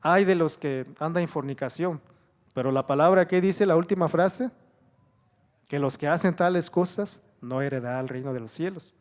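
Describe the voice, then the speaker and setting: A middle-aged preacher with a slightly high, darkish voice addresses his church at normal speed. Calling the congregation brothers, he repeats phrases, asks rhetorical questions and keeps returning to "gloria a Dios."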